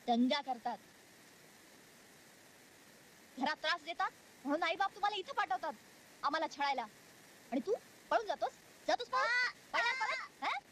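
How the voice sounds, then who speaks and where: An actress playing a strict schoolteacher who scolds and threatens children in sharp shouts. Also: female voice, very high-pitched, lively intonation, moderate pace, long pauses, a little hiss or hum, heavily acted. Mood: scolding. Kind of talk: 1990s film acting.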